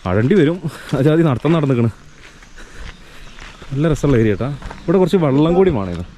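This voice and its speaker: A man speaks in an excited, casual vlog style. His mid-pitched voice is full of exclamations and repeated phrases, peppered with English words. Clear outdoor and vehicle noise sits behind him. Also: brisk. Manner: Malayalam sprinkled with English words and slang. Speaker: vlogger. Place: outdoors and in a vehicle on rough hill track. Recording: noisy outdoor and vehicle background.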